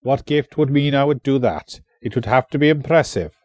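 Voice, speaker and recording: Guy doing a sneering welsh warlord prince, mocking and menacing, dark mellow tone. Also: mid-range voice, expressive, normal speed, no echo, muffled recording, voice pushed up, lightly acted. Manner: sneering, taunting.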